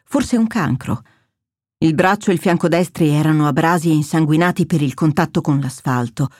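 Steady woman narrating a thriller. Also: sits low, dry recording, studio quality. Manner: measured, steady storytelling. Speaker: audiobook narrator. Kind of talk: scripted narration.

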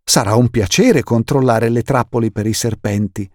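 A man voicing a calm, practical teenage girl, speaking earnestly in an audiobook reading. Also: mid-range voice, moderate pace, dry recording, clean studio sound, close to an everyday voice.

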